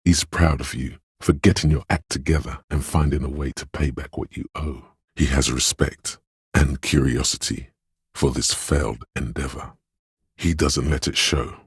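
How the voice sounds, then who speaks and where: Speaking straight into a troubled detective's head, this male inner voice is extremely deep and heavily husky, with an exaggerated, measured, intimate and knowing delivery like scripted game narration. It's recorded close and dry.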